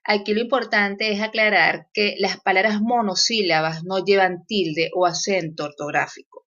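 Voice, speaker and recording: A woman's voice: medium pitch, steady tone, moderate pace, fairly bright tone, highs cut off. A woman teacher explaining grammar in a recorded lesson, with fillers and self-corrections.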